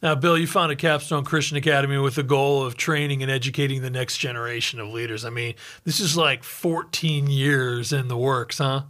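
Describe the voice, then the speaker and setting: Bright-voiced male radio host. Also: mid-range voice, steady tone, normal speed, hardly any pauses. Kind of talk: radio interview.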